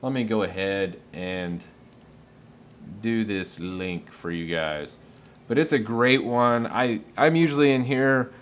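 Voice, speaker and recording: A man's voice: on the low side, slow, clean tone. A man casually answering viewer questions on a live tech stream, enthusiastic and rambling with fillers.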